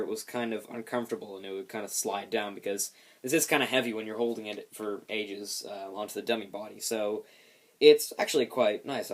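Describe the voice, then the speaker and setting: Man with a lowish voice, casually explaining. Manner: explanatory, lightly self-deprecating. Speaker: hobbyist demonstrating a homemade build. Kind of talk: casual hands-on demonstration.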